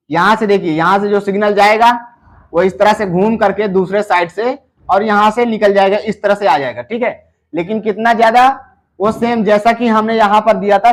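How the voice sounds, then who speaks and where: A man walks through a circuit repair lesson in a fairly high voice. He talks in a patient, step-by-step tutorial manner, filling pauses with short check-ins to the viewer. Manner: explains slowly, filling gaps with "theek hai" and "doston". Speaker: electronics repair teacher.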